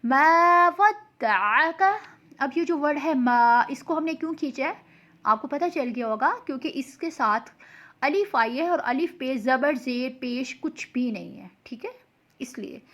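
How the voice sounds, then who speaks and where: A young woman patiently explaining tajweed pronunciation and reciting slow examples as a Quran recitation teacher. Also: sits high. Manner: patient and explanatory, often checks in with "okay".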